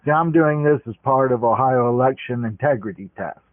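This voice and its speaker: A man's voice: mid-range voice, brisk, no echo. Brief: man talking over the phone, polite and methodical, thin dry phone-line sound. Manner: polite, methodical, explains at length. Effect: heard over a phone line. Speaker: caller. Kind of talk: phone call. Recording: tinny dry phone call recording.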